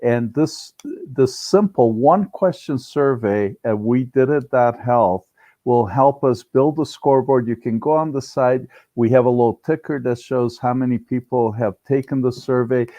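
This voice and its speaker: An older man with a warm, mid-range voice speaks a little slowly, earnest and conversational as an interview guest who often restarts his sentences. Born in Romania and raised in Cleveland in the US, he's a business founder, and there's no room sound on the recording.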